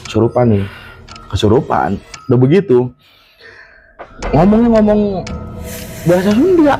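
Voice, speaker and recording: A man's voice: on the high side, normal speed, soft background music. A man, telling a true horror story in casual chat and acting out the quotes with laughter. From Jakarta. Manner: animated, acts out quotes, laughs often. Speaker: storyteller guest.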